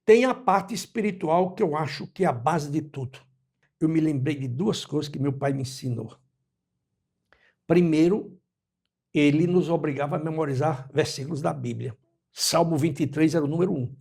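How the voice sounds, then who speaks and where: A man in his eighties from Brazil, speaking as an interview guest in a measured, reflective way and quoting scripture and proverbs. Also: on the high side, creaky, a little mellow, breathy edge. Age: 80s. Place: his home.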